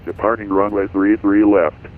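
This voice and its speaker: Deep male airport weather broadcast over radio. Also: normal speed. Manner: even, clipped recorded announcement reading. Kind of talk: automated airport information broadcast. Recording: tinny radio band with faint hiss.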